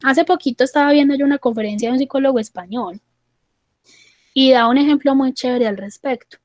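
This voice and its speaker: A woman's voice: high-pitched, fairly quick, a little mellow, dry recording. A woman tutor giving a conversational lecture, often checking in with her listeners through tag questions. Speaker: university tutor. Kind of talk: online lecture.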